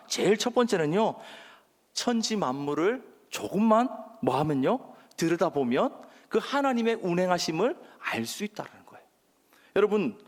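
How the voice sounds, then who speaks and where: A male pastor preaches in a high, very animated voice and calls out lines for the congregation to answer back. His voice carries a long reverb from the church sanctuary. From Gyeongsang region, Korea. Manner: preaching with call-and-response to the congregation. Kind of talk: sermon.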